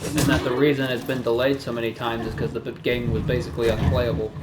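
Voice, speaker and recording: A man's voice: mid-range voice, little pitch movement, quick pace, very noisy. A man hosting a gaming video, chatting casually over gameplay.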